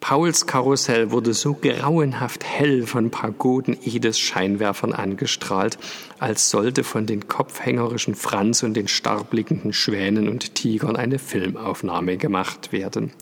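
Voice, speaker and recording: A man reading a story aloud as narrator, in a slow, measured way. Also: lowish voice, steady tone, vocal fry. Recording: long hall reverb.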